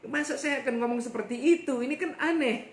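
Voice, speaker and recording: Preacher acting out a confused nervous pastor, pitched up high, hesitant, roomy echo. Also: male voice, quick pace. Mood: worried. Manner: hesitant, bewildered. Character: anxious, puzzled male pastor in debt. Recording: echoey room with faint ambience.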